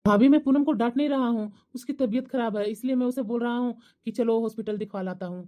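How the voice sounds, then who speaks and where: A woman's voice: a little high, dark tone, natural voice. A woman voicing a caring young husband who insists firmly in a family cartoon. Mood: insistent. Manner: firm, protective, quick. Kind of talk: cartoon voice acting.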